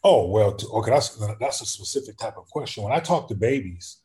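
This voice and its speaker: A man's voice: lowish voice, animated, brisk, a little mellow. A man speaking as an activist guest in a conversational interview, thinking aloud with frequent restarts and acting out the questions he asks.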